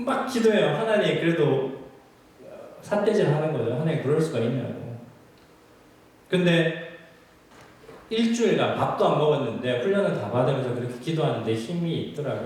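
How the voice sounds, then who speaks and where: A male pastor telling a personal story in a sermon, acting out his own past prayers with lively storytelling. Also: fairly high pitch. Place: church sanctuary. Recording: echoey church hall from far off.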